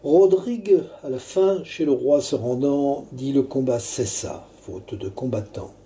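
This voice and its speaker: A man's voice: mid-range voice, measured pace, mellow. A man declaiming a satirical verse monologue like a hammy stage actor, grandiloquent and pompous. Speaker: performer reciting a comic verse tirade.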